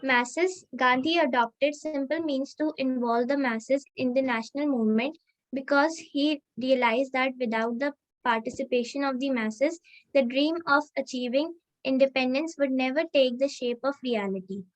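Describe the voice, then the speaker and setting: A female student with an Indian accent reading a history textbook aloud, haltingly, repeating words now and then. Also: high-pitched, poor audio.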